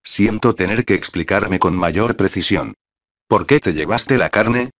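A man's voice: deep voice, animated, unhurried, fairly bright tone, full character voice. A man voicing a stern, wealthy middle-aged father who questions his son firmly. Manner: firm, interrogating. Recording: dull lo-fi audiobook recording.

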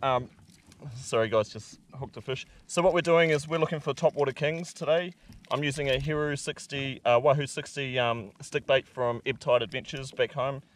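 A man's voice: mid-range voice, fairly even intonation, moderate pace, distant mic. A man, chatting casually to an action camera while kayak fishing at sea. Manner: laid-back, chatty, laughing, slangy. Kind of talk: casual vlog talk to camera. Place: kayak on open sea outdoors. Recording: outdoor camera with wind and water noise.

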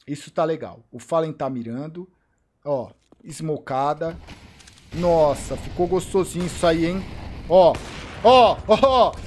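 A man with a Brazilian Portuguese accent reacting live to an esports match, excitable and profane, repeating short cries. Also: fairly high pitch, unhurried, slight background noise. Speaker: streamer commentating an esports match. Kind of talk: live game reaction commentary.

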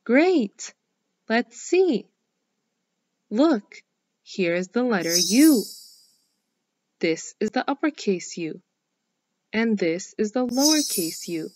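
A woman teaching a scripted phonics lesson for young children, speaking slowly and clearly in an encouraging way. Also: on the high side, very animated, darkish tone. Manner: slow, clearly enunciated, encouraging.

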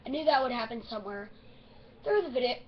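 Woman, gaming commentary, hiccuping, excitable and rambling, highish voice, dull lo-fi sound. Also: quick pace, a little hiss or hum. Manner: chatty, easily excited, rambling. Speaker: gaming video host. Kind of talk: casual let's-play commentary.

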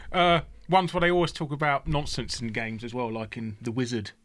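Male co-host, rapid, plain-spoken, casual with fillers. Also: mid-range voice, level tone, fairly bright tone. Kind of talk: casual panel chat.

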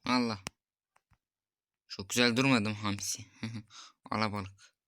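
A young man comments on a cooking game in an unhurried, drawn-out way. His voice sits a little low but has a bright, sharp edge. He mutters, reads the recipe steps aloud and grows openly exasperated when things go wrong. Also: fairly even intonation, dry recording, clean studio sound. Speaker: gameplay streamer. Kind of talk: casual gameplay commentary.

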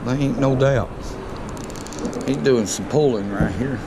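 A man's voice: medium pitch, a little slow. A middle-aged man, giving casual folksy commentary while fishing from a small boat, recorded on a body-worn action camera. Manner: folksy, excitable when fish bite. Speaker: fishing vlogger. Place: small boat on a lake under a bridge, outdoors. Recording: outdoor noise on action cam.

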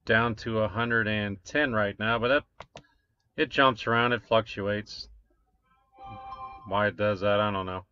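Man, 40s, low-ish gravelly voice, casual screen-share vlogger, lo-fi dull sound. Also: measured pace, long pauses, pushed and bright, faint music behind. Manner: rambling, reads numbers aloud with many "um"s. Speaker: crypto mining vlogger. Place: small room at a desk. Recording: dull lo-fi desk recording.

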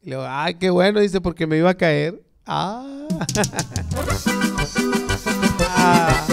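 A man's voice: high voice, smooth. A man hosting a live show, casually telling jokes and laughing at them. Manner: chatty, laughs at his own jokes.

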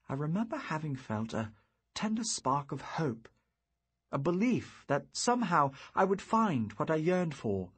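Male audiobook narrator for first-person fantasy; very breathy, husky tone, lively pitch, unhurried reflective read. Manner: measured, reflective storytelling.

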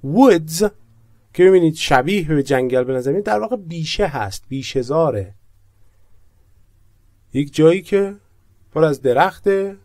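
A man's voice: fairly high pitch, lively intonation, darkish tone, no echo. Man teaching English words, dry voice. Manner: explains word by word, repeats each English word slowly. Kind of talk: vocabulary lesson.

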